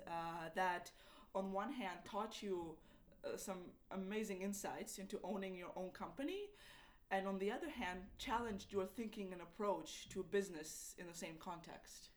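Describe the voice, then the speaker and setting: A woman's voice: medium pitch, expressive, measured pace. A woman interviewing a guest, asking long, carefully built questions and sometimes restarting a sentence partway through.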